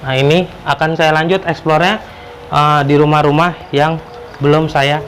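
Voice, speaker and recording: A man narrating an exploration vlog to viewers in a halting, repetitive way. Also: on the high side, steady tone, fairly bright tone, slight background noise, low-quality recording. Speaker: vlogger exploring abandoned houses. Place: abandoned roofless house and overgrown grounds in drizzle.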